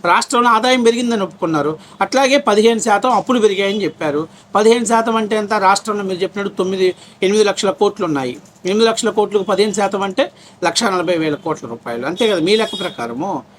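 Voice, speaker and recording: A man's voice: sits high, quick pace, a bit bright. A man from Pradesh, ranting in political commentary with a scornful, mocking, name-calling manner. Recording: faint background noise.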